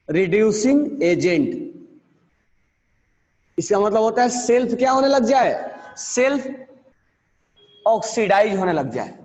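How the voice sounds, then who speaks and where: In a classroom lecture with a big-room sound, a man teaches chemistry in a fairly high, slightly mellow voice. He uses technical terms, repeats key words slowly, and quizzes his students.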